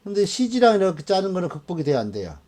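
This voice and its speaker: A man teaching a class of students, animated and often checking that they follow along. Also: high-pitched, racing. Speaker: fortune-telling teacher. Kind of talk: classroom lecture.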